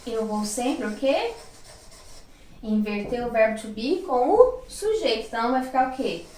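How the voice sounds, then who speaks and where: A woman's voice: on the high side, animated, unhurried, a little mellow, distant mic. A woman teacher with a Brazilian Portuguese accent giving a casual grammar lesson, often checking in with little tag questions. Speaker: English teacher. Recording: echoey room, voice a little off-mic.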